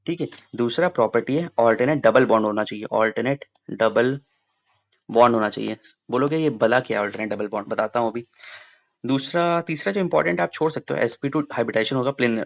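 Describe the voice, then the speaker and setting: A man's voice: mid-range voice, vocal fry, muffled recording. A young man teaching exam science questions, switching between Hindi and English and repeating key points for his students.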